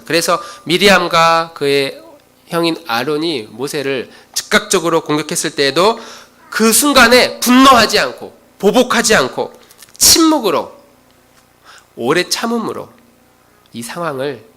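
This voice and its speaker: A man's voice: a little high, bright, forceful tone. A middle-aged male pastor preaching a sermon, acting out quarrels in his own voice.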